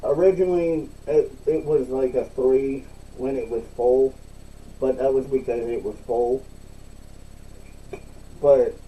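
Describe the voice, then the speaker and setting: Slow, dark-voiced man, slightly distant. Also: mid-range voice. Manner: halting, repeats himself. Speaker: product reviewer. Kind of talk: casual, unscripted online review.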